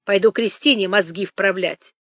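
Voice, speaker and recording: A woman's voice: mid-range voice, slightly rough, no echo, clean studio sound. A woman doing a bossy, grumbling shopkeeper. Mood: grumbling, scolding. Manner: scolding, grumbling, quick to complain. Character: brisk, bossy female village shopkeeper.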